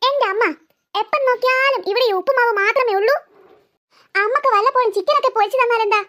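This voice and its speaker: A woman's voice: very high-pitched, fast, bright, forceful tone. A woman doing a whiny, sassy cartoon kid. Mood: sarcastic. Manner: whining, sarcastic complaints. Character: hungry, whiny cartoon children, sassy and teasing. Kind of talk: cartoon voice acting.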